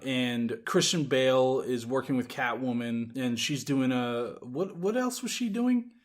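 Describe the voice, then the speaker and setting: A man's voice: medium pitch, expressive, measured pace. Rambling man in a comedic movie chat. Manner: rambling, laughs often at his own jokes. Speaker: podcast co-host.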